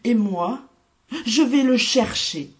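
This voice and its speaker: A caring mother hen from a children's picture book speaks tenderly about her little one, as a woman reads her aloud. She talks very slowly with a lively, rising and falling tone. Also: a little high, voice pushed up. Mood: sad. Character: caring mother hen, adult female, gentle and worried.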